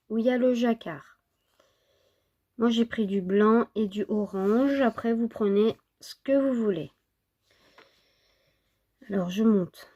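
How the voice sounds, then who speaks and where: A woman who is a little sick, giving an informal knitting tutorial step by step in an unhurried way. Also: a little high, a little mellow. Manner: unhurried, counting and repeating steps. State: slightly sick, under the weather with a cough.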